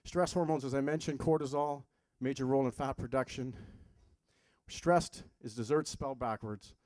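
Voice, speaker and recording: Speaking at a moderate pace with a medium pitch and a darkish tone, a male health practitioner leads a live seminar with no echo on the recording. His style is chatty: he asks the crowd questions and throws in the odd joke.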